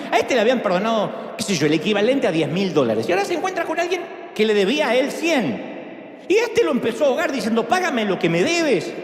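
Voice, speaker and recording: A man preaching a sermon to an audience in a large church, animated and joking, with big swings in pitch. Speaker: pastor. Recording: echoey hall sound.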